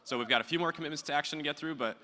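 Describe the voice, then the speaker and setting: A man emceeing a summit, brisk and moving the program along. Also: fairly high pitch, pushed and bright. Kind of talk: event hosting. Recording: reverberant hall with faint noise.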